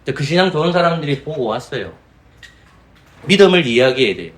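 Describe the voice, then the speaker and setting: A man with a Gyeongsang accent preaching a sermon in a church sanctuary. His voice sits a little high and swings widely in pitch as he fires rhetorical questions at the listeners. He acts out the quoted voices along the way. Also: very animated, fast. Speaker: pastor.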